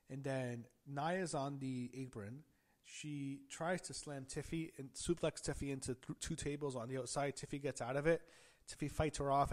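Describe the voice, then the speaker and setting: A wrestling show reviewer with a mid-range voice gives a loose, rambling recap of the show while fighting off a cold, so his voice sounds a bit off. He corrects himself often, fills pauses with "uh", and occasionally stops to gasp or clear his throat.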